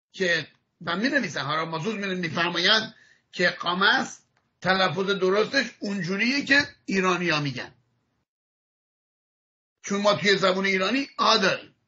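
A man teaching a religious lesson, his voice high for a man and bright. He explains patiently and demonstrates each sound again and again, clearing his throat now and then. The audio is muffled, like an old archive recording. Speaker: rabbi teaching Hebrew pronunciation.

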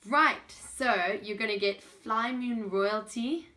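Bright-voiced woman, playful. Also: medium pitch. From South Africa. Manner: playful, slowly sounding out band names, quick to laugh. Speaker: guest reading a festival lineup. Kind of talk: casual chat.

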